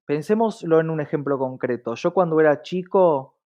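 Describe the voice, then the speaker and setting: A man with a Rioplatense Argentine Spanish accent, a diversity specialist appearing as an interview guest, gives reflective, explanatory answers full of earnest repetition and rhetorical questions. His voice is a little high and warm, at normal speed. The sound is slightly dull and lo-fi.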